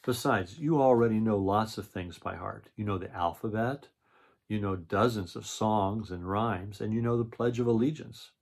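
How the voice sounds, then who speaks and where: A man's voice: on the low side, normal speed, darkish tone, husky. An older man with a grandpa voice reading the part of a reassuring, practical mother bear in a storybook, patient and advising.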